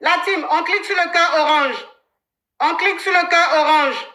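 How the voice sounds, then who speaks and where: High, bright-voiced woman coaching on a live stream. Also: moderate pace. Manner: animated, thanks viewers by name. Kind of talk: casual live-stream advice chat. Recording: echoey room sound.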